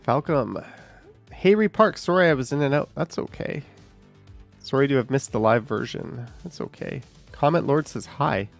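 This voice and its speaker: Guy in his 30s with a gravelly voice doing live stream comments, chatty and dry, faint music behind. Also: mid-range voice, animated, moderate pace. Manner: chatty, dry asides while reading comments aloud. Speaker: YouTube streamer reading viewer comments. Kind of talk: casual live-stream chat.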